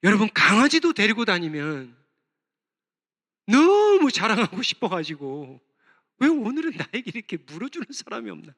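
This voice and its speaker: A man's voice: sits high, very animated, moderate pace, fairly bright tone. A Korean man preaching a sermon as pastor, impassioned, voicing prayers aloud. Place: church sanctuary. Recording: long reverb of a church hall.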